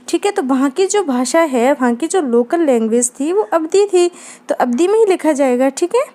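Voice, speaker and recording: A woman whose voice sits high with a darkish tone teaches a literature lesson for exam prep, explaining step by step. She checks in with her students often, saying "ठीक है दोस्तों."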